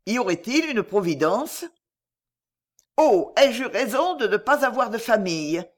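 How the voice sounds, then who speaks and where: A woman's voice: on the high side, sing-song, pitched above the performer's own voice. A woman reading a sly, sententious spy. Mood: musing. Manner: measured, sententious delivery. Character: cunning older male spy, calm and sententious. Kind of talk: audiobook character reading.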